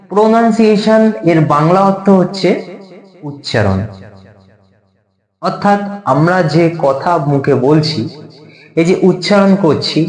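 A man's voice: high-pitched, darkish tone, reverberant. A man teaching an English lesson in a casual video style, spelling words out letter by letter and repeating each point many times.

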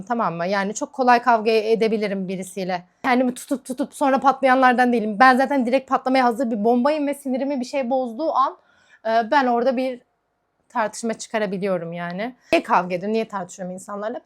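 A woman's voice: on the high side, expressive, fast. A woman vlogger chatting casually while doing her makeup, ranting in a heated, frank way. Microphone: camera mic.

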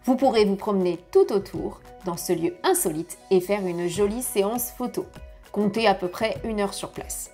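A woman's voice: mid-range voice, lively intonation, normal speed, dark tone, faint music behind. A woman narrating family travel tips in a friendly, advice-giving voice-over.

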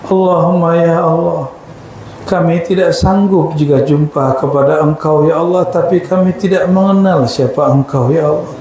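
A man's voice: a little high, steady tone, normal speed, warm tone. A man from Indonesia leading a congregation in prayer, pleading in short, repeated invocations. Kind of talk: sermon prayer. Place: prayer gathering hall. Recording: echoey hall with clear ambient noise.

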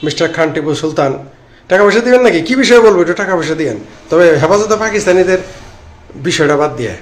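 In a clearly noisy phone recording made at arm's length, a Bangladeshi-accented man in his late fifties gives informal live-stream political commentary and answers comments. His slightly high voice is expressive and fast, and he's sarcastic and rambling, repeating phrases.

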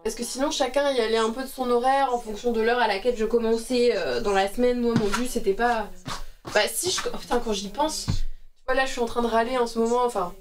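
A woman in her thirties with a bright, high voice rambles casually to her live-stream viewers, full of fillers and little asides. She sounds worn from sleepless nights, and her voice sits a step back from the microphone. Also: fairly even intonation, quick pace, recorded from a distance. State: tired from night feedings. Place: at home, doing yoga on stream.

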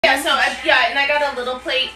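A woman's voice: high-pitched, steady tone, quick pace, reverberant, poor audio. A young woman co-hosting a comedy cooking show, giggling and shrieking through casual banter in a home kitchen.

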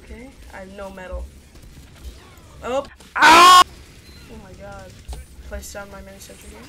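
A woman's voice: medium pitch, fairly even intonation, normal speed, music in the background. A woman doing rambling, chatty gameplay commentary, talking to her viewers as she plays. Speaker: gaming video creator.

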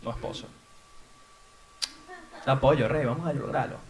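A man's voice: mid-range voice, normal speed, roomy sound. A man with a Venezuelan accent doing playful, teasing crowd work on a theater stage. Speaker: stand-up comedian. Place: theater in Madrid.

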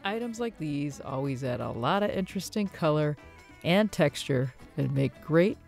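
Gushing woman with a lively voice. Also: deep voice, normal speed, vocal fry. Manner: enthusiastic, gushing. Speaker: home decor vlogger. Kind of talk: casual shopping vlog voice-over. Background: soft guitar music.

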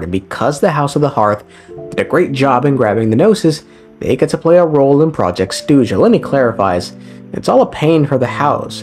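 In a game lore video, a young narrator walks through a game's story in a relaxed yet scripted style. His mid-range voice rises and falls energetically, and he tosses in dry, irreverent slang. Faint guitar music runs underneath.

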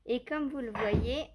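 Her voice is on the high side, with a slight hiss or hum in the recording, as this knitting vlogger sorts through her yarn stash at home on a handheld phone. She talks casually to viewers, thinking aloud in a hesitant, musing way with many fillers and self-questions.

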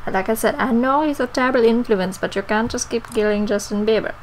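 A young woman giving casual, jokey commentary while she plays a video game, swinging from low mutters to sudden yelps. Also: brisk, a little hiss or hum, low-quality recording. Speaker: let's play gamer.

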